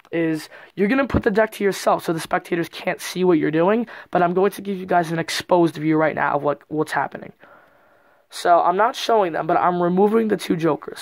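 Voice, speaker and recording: Casual card trick tutorial presenter, mid-pitched voice. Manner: informal, explanatory. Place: indoors at a card table.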